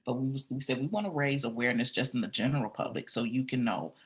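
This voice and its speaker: A woman's voice: a bass voice, quick pace, breathy edge. A woman from Michigan, a counselor, talking earnestly and encouragingly as a podcast guest. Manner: earnest, encouraging, lists things off. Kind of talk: casual interview talk.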